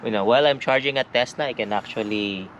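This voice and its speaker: A man in his forties casually demonstrating something in a vlog, talking haltingly with many fillers and restarts, recorded outdoors by a parked car on an action camera. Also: mid-range voice, a bit bright, lo-fi sound, a little hiss or hum. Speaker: vlogger. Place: outdoors in a parking lot by a car.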